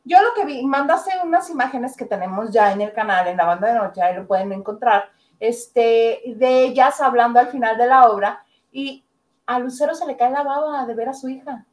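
A woman co-hosting a radio show, cutting in with quick, teasing remarks. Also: on the high side, a little mellow. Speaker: co-host. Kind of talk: casual radio chat.

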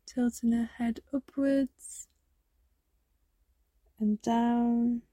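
Slow, soft-spoken meditation guide woman. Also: fairly high pitch, little pitch movement, no room sound. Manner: slow, soft, soothing, drifting into whispers. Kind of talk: guided body scan meditation.

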